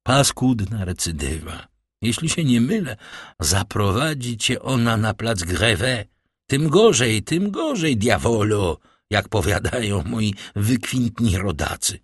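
A calm, ironic nobleman in disguise speaks with quiet self-assurance in an audiobook, as a man plays him. The voice sits low and husky, sounding dry and close. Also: takes it slowly, dry recording, heavily acted. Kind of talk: audiobook character voice.

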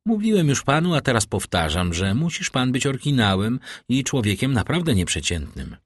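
A man reading an audiobook, voicing an eager, impulsive young nobleman with a husky voice. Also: medium pitch, very animated, fairly quick, no room sound, clean studio sound, voice pushed up.

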